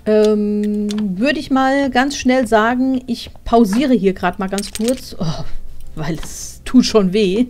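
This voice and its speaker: A woman's voice: a little high, darkish tone. A woman streaming a game, chatting casually and thinking aloud as she plays, speaking into a headset. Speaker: let's play streamer. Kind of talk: casual gameplay commentary.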